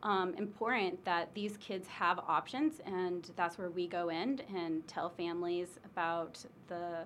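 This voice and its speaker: A woman's voice: fairly low pitch, steady tone, a little slow, a bit bright, slight background noise. A woman from Illinois who works as an international admissions recruiter. She talks in a casual interview, with plenty of ums and you knows. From Illinois, United States. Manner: chatty, many fillers like um and you know.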